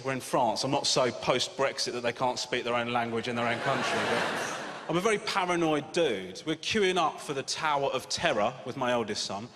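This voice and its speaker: A man in his thirties performing a stand-up comedy set, animated and swearing freely as he acts out quoted lines. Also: mid-range voice. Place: large comedy venue with a live audience. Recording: hall reverb with loud audience laughter.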